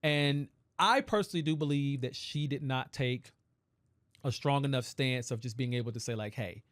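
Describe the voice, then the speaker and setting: A man's voice: mid-range voice, moderate pace, no room sound, studio quality. A man co-hosting a podcast, talking politics in casual chat and building long, hedged arguments. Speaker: podcast co-host.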